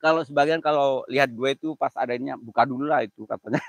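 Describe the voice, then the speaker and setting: A man's voice: medium pitch, quick pace, vocal fry, no echo. A man hosting a live stream, joking around, laughing often and thanking viewers by name.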